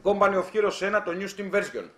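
A man's voice: high voice, lively intonation, echoey room. A man hosting a casual live stream, teasing viewers and reading their chat aloud during a giveaway.

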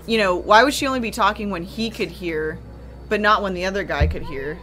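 A woman's voice: mid-range voice, a little fast, over music. A woman hosting a horror reaction video who comments casually, ranting and exclaiming in fright.

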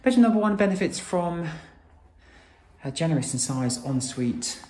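His voice is on the high side, warm and animated, at a moderate pace: a British man acting as estate agent, gushing in practiced sales patter while walking around an empty new-build, inside and outside. Echo fills the empty rooms.

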